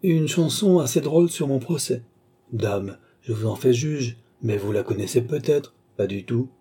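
Man as sly aristocratic old marshal; gallant mockery, husky warmth. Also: mid-range voice, lively intonation, normal speed. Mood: mocking. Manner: gallant, teasing, mock-polite. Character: courtly sly old male duke and marshal.

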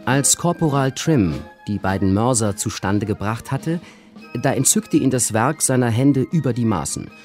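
A man reading a comic novel aloud in a lively, expressive way, close to a studio mic. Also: mid-range voice, normal speed, soft background music. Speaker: reader. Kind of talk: literary reading.

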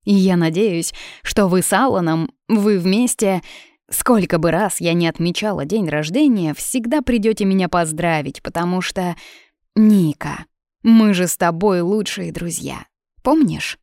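Earnest young woman, read by a woman narrator, low, slightly gravelly. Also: a little slow, darkish tone, dry recording, studio quality. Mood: hopeful. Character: young woman in a recorded message, hopeful.

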